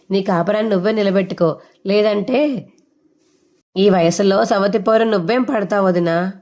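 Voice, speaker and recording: A woman's voice: medium pitch, darkish tone, close to an everyday voice. A woman voicing a meddling sister-in-law who needles and gossips.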